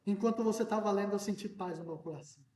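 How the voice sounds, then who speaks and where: High-voiced pastor preaching in an echoey hall. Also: male voice, fast talker. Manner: animated, sometimes shouts. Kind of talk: sermon. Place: church hall. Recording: echoey church hall, mic at a distance.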